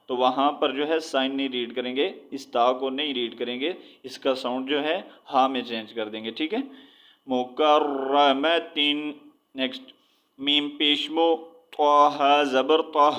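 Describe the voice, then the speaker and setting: A man teaching Quran reading, spelling out letters and drawing words out slowly between explanations. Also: mid-range voice, fairly bright tone. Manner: drawn-out recitation of words, explaining with repeated checks. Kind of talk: slow spelled-out recitation lesson.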